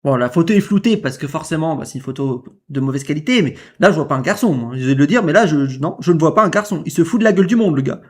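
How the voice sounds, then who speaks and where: Guy ranting at a clip, keeps repeating himself, asks "ah bon?" type questions, slightly high voice. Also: lively intonation, fast, hardly any pauses. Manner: indignant, repeats himself, fires rhetorical questions. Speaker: video reactor commenting on a clip. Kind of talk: casual commentary.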